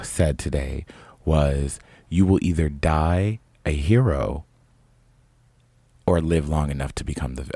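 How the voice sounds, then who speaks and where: A young adult man from Chicago co-hosting a podcast in casual chat, telling stories with animation and leaping into a high voice when acting out quotes. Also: a little mellow, no echo. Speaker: podcast co-host.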